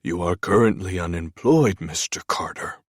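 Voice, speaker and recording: A greedy, cowardly doctor who sneers down at everyone, as a man puts him on in an audiobook. His voice is raised above the narrator's, husky and dry. Condescending in every word. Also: deep voice, moderate pace, no room sound, pitched above the performer's own voice. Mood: sneering.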